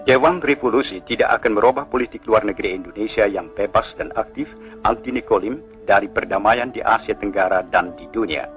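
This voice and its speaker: A man reading a formal official statement on the radio in a measured, solemn way, heard as an old 1960s newsreel broadcast. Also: lowish voice. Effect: old 1960s radio newsreel sound. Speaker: radio announcer. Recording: muffled archival radio broadcast with faint music.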